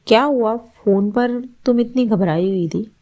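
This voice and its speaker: A woman voicing a calm, caring aunt who gently reassures and advises, in a storybook reading. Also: fairly high pitch, unhurried, close to an everyday voice. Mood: gentle.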